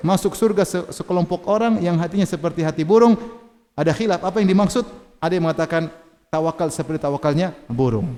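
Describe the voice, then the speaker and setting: A high-pitched Indonesian man gives an animated sermon, joking with his listeners and reciting Arabic verses. His voice carries a long echo through a mosque hall. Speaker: preacher.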